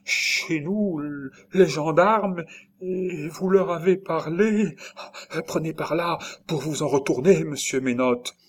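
A man reading a storybook voices a superstitious, frightened peasant nurse woman, crying out her lines in a raised, high voice. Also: animated, takes it slowly, few pauses. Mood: alarmed. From Normandy (figure). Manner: high, cried-out exclamations.

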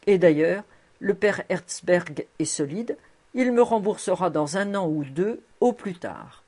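Old male rabbi, read by a woman, shrewd and kindly, pleading warmly, lowish voice, storybook reading. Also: expressive, a little slow, breathy edge. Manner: fond, knowing, pleading.

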